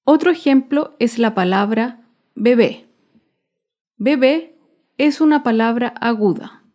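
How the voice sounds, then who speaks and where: A woman narrates a grammar lesson at an unhurried pace, pronouncing each example word slowly and clearly. Her voice sits somewhat high, and she leans on stressed syllables with deliberate care. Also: warm tone. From Chile. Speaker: teacher.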